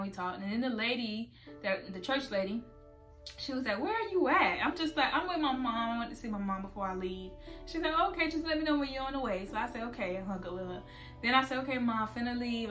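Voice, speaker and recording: A quiet, soft-spoken woman from South Florida telling a reflective personal story in a storytime vlog. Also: on the high side. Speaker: vlogger. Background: soft background music.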